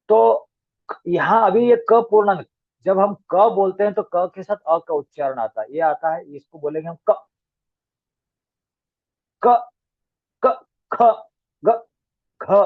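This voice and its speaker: A man's voice: a little high, no room sound. A man teaching a grammar class online, patiently spelling out letter sounds one at a time. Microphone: video call. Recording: tinny dry call audio.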